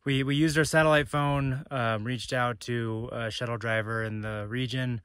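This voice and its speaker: A man's voice: medium pitch, fairly even intonation, normal speed, fairly bright tone, clear, resonant tone, no echo. A man in his thirties vlogging a hike, talking into a phone held at arm's length, with many fillers and restarts. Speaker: hiking vlogger. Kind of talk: casual vlog narration. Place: outdoors on a mountain trail, later indoors in a room.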